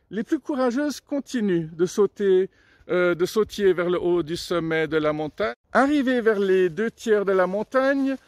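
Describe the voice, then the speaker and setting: A man's voice: sits high, darkish tone, no room sound, clean studio sound. A man casually telling jokes and little stories, chatty and digressive, with plenty of filler sounds. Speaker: storyteller. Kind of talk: casual joke and story telling.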